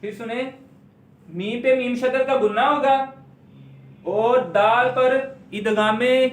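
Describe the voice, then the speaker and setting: A man teaching Quran recitation step by step. He asks his own questions and answers them, and he draws out words slowly to demonstrate them. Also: very high-pitched, steady tone, echoey room.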